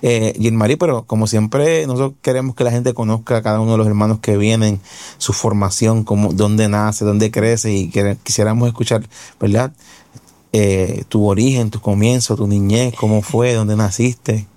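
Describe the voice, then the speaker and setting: Guy hosting a church show, deep-ish mellow voice, keeps summing up what his guest says, dry sound. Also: fairly even intonation, normal speed, no room sound. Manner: warm, encouraging, restating the guest's words. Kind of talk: interview.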